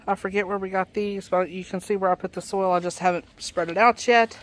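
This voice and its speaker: A woman's voice: medium pitch, steady tone, a little fast. A woman, out of breath, chatting casually to viewers on a garden vlog and talking to her pets as she walks outdoors. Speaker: vlogger.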